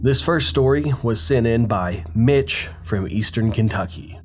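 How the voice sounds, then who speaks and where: A man with a sick voice, hosting a paranormal channel and narrating eerie stories in a dramatic, hushed way. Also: mid-range voice, measured pace, soft background music. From Appalachian foothills, US. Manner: dramatic, hushed storytelling with casual asides. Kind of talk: spooky storytelling narration.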